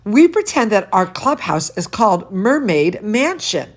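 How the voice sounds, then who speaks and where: A woman voices an excitable little storybook girl at medium pitch, sounding proud and thrilled. She takes her time, her voice swooping up and down theatrically, and she precisely explains every fancy word.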